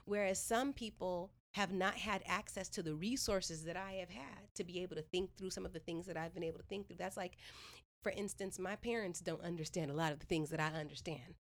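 A woman with a lowish voice speaks fairly quickly. She's a playwright and professor from Northern California, USA, working through ideas in a thoughtful podcast conversation, often saying "like" and restarting her sentences.

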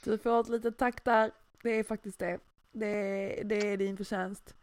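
A young woman chatting casually, telling a story with lively acted-out quotes. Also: mid-range voice. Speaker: podcast co-host. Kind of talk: casual chat.

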